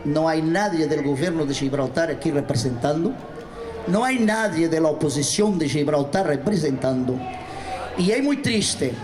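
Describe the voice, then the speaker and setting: An older man from Portugal, a shop steward, giving an impassioned rally speech in broken English and Spanish, rising to shouts. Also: fairly high pitch, expressive, normal speed. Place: outdoor rally with a crowd. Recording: echoey outdoor PA with crowd noise.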